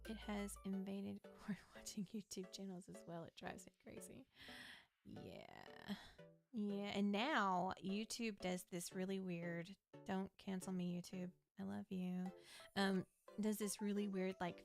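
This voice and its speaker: A young woman chatting casually while playing a game on stream, rambling and laughing often with many restarts. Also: mid-range voice. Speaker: VTuber streamer. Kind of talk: casual livestream chat while gaming. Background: faint game music.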